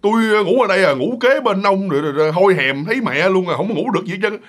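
A man's voice: high-pitched, expressive, racing, fairly bright tone. A man with a Southern Vietnamese accent voicing an irritated middle-aged wife who scolds her drunk husband, nagging and repeating herself. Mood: annoyed.

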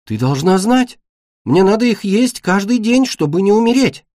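A man's voice: high voice, very animated, moderate pace, darkish tone, no echo, studio quality, pitched above the performer's own voice. A man voicing an eager, anxious young female dragon in a storybook reading, raised and urgent. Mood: pleading. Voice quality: pleading, urgent.

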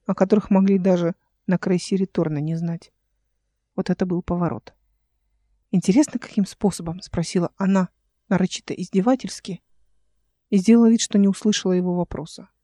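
A woman narrating a novel as an audiobook in a steady, even storytelling manner. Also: mid-range voice, no room sound, studio quality.

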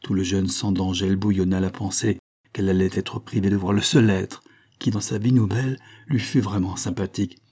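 A man reading a novel aloud as narrator, measured and expressive. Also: low-pitched, breathy edge. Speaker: audiobook reader.

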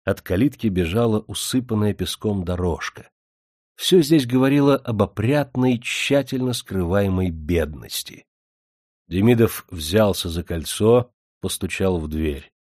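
A man with a low voice narrates an audiobook in an even, storytelling manner. The recording is dry and close, with no room sound. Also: no room sound.

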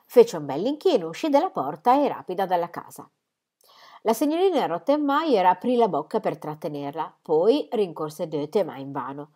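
A woman's voice: lowish voice, normal speed. A woman reading a children's novel aloud expressively. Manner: expressive, lively. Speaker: reader. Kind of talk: storybook reading.

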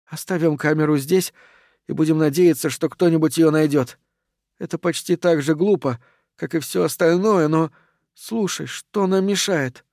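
A man reading a storybook voices a frightened young woman who speaks through tears in a hushed, shaky way. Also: low voice, moderate pace, dry recording, studio quality. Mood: hushed, grim. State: crying. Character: young woman, terrified, weeping, bitter.

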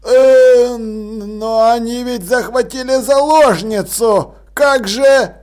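A man's voice: extremely high pitch, fairly even intonation, slow, a little mellow, voice pushed up. A man voicing an anxious male diamond merchant who speaks hesitantly. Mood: worried. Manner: hesitant, worried.

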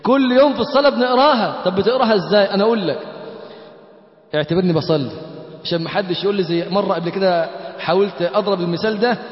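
A high-pitched preacher with an Egyptian Arabic accent delivers a colloquial sermon, questioning the congregation directly. He swings between loud, emphatic lines and soft, slow chanted recitation, recorded in an echoey hall with dull, lo-fi sound.

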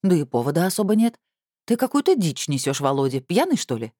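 A woman reading an audiobook, voicing a sly, mocking woman who feigns innocence with a bright, teasing, raised voice. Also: on the low side, very animated, fairly quick, no echo, clean studio sound. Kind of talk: audiobook character voice.

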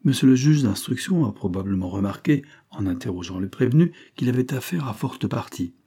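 Un homme qui prête sa voix, dans un livre audio, à un agent de police franc et enthousiaste, au ton ardent et sincère. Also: male voice, medium pitch, expressive, brisk, mellow, slightly rough. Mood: earnest, eager. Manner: frank, enthusiastic, earnest. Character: eager, outspoken male police agent. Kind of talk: audiobook character reading.

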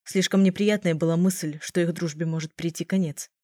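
A woman with a voice on the low side reads scripted audiobook narration at a moderate pace, telling the story evenly. The recording is studio quality with no echo.

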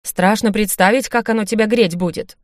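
A woman's voice: mid-range voice, steady tone, a little fast, dry recording, studio quality, natural voice. A woman voicing a sarcastic talking hare who grumbles and mocks everything around him. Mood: snarky.

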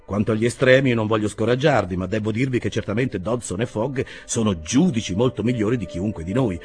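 A man putting on a booming, jovial older host. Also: a little fast, over music, natural voice. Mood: hearty. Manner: booming, teasing.

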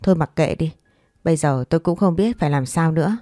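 A woman's voice: sits low, fast, warm tone, no room sound, studio quality, natural voice. A woman voicing a weary, regretful older mother-in-law who sighs and complains. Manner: sighing, complaining.

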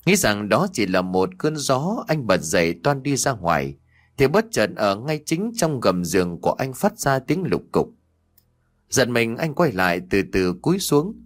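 Guy reading a ghost story out loud, dramatic, voice swoops up and down a lot. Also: medium pitch, very animated, a little slow. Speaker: narrator. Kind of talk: scripted ghost story narration.

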